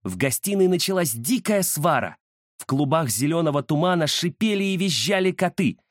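A man narrating a children's adventure story in a dramatic, expressive way. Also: fairly high pitch, normal speed, no room sound, studio quality.

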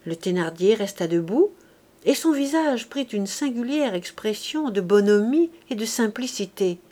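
A woman narrates a classic novel as a literary audiobook, reading in a measured, expressive way with a mid-range voice.

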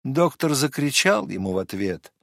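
A man narrating a fairy tale audiobook in an expressive, measured storytelling manner. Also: medium pitch, no echo, clean studio sound.

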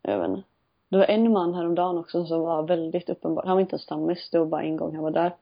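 A woman's voice: deep voice, vocal fry, breathy edge. A young woman chatting casually on a podcast, blunt and wry in her remarks. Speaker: podcast co-host. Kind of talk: casual chat. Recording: dull lo-fi old recording.

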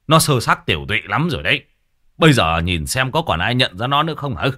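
A man doing a gruff, stubborn old father. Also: mid-range voice, sing-song, fast talker, bright, forceful tone, voice pushed up. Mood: gruff scolding. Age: older. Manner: curt, scolding, swears. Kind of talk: story narration with acted voices.

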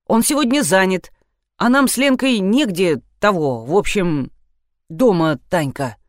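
A woman's voice: mid-range voice, expressive, a little slow, no room sound, studio quality, close to an everyday voice. A woman voicing a married male forensic expert who mumbles evasively when caught out. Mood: sheepish.

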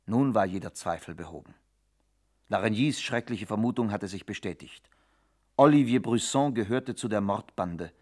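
A man narrating a literary radio drama in a formal, expressive, suspenseful style. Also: lowish voice, moderate pace.

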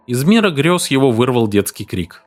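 A male narrator reads a story aloud with a lively, animated delivery, his pitch rising and falling freely at a medium height. Soft music plays faintly beneath his reading. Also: normal speed.

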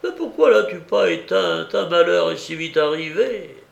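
A man's voice: animated, moderate pace, gravelly, roomy sound, lo-fi sound, heavily acted. Man putting on a fretful old aunt. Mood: grumbling. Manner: fretful, scolding, pitched up high. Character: fussy devout old aunt in a nightcap.

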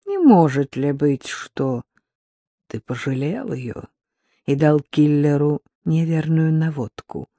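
A man reading the part of a cold, scheming female crime boss who speaks in a measured, menacing way. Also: a little high, steady tone, mellow, no room sound.

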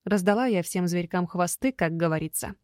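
A woman reading a first-person fantasy audiobook aloud, telling the story in an expressive way. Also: fairly low pitch, brisk, dry recording, studio quality. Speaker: audiobook narrator.

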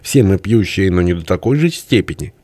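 A man's voice: deep voice, animated, brisk, darkish tone, no echo. A man voicing a nervous, whiny Soviet official who bleats and wails in an audiobook. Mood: hysterical. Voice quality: whining, bleating.

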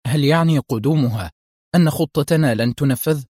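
A man's voice: fairly high pitch, moderate pace, darkish tone, slightly rough, dry recording, clean studio sound, voice pushed up. A man voicing a curious young adult woman agent who asks questions in a lightly raised voice.

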